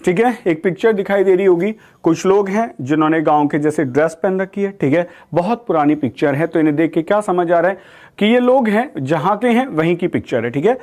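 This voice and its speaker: A young Indian man with an Indian accent runs an online vocabulary class for exam prep, speaking in a fairly high voice that rises and falls with lively movement. He addresses his students warmly as 'beta', and he slows right down when he reads English definitions aloud. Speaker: vocabulary teacher.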